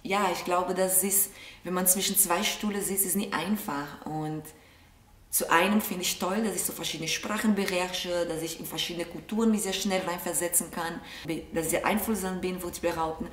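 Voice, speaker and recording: A young Brazilian woman with a Brazilian Portuguese accent hosts a vlog, answering viewer questions while seated on her living-room sofa. Her voice is fairly low, steady, and fairly bright at a normal speed, and she speaks thoughtfully, gesturing a lot with her hands. The camera sits a short way off, giving roomy, distant-mic sound.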